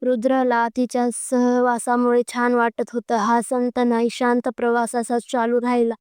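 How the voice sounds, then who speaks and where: A woman narrates a scripted love story in a smooth, clear voice pitched a little high. She keeps her tone strikingly level, even when she speaks the characters' lines. The recording is dry and close, with no room sound. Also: normal speed, no echo. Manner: reads all characters in her own voice.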